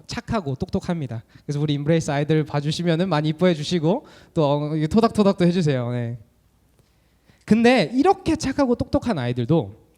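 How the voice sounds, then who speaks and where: Animated young male student preacher. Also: a little high. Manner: animated, asks many rhetorical questions. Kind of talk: sermon.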